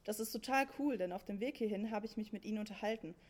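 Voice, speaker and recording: A woman's voice: medium pitch, fast, close to an everyday voice. A woman voicing a dim, cheerful young son full of naive enthusiasm. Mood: eager.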